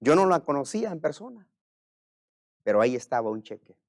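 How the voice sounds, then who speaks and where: A male pastor preaching a sermon, moving between hushed personal storytelling and loud, impassioned preaching. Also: on the high side, sing-song, fairly quick, no room sound, clean studio sound.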